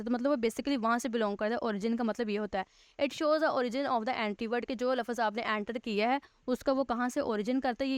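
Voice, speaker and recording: A woman teacher, giving a recorded grammar lesson. She reads English text slowly, then patiently explains it step by step, rephrasing points. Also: a little high, clear, resonant tone, no room sound, studio quality.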